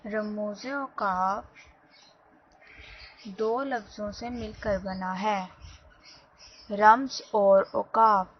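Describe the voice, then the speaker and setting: A woman teacher giving a slow, explanatory lesson and speaking directly to her students. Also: mid-range voice, steady tone. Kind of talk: classroom lesson. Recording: dull lo-fi sound, faint background noise.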